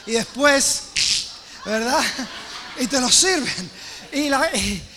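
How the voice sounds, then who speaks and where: High-voiced man telling a sermon story. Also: slow pace, a little hiss or hum. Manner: chatty, animated anecdote with acted-out dialogue. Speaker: preacher.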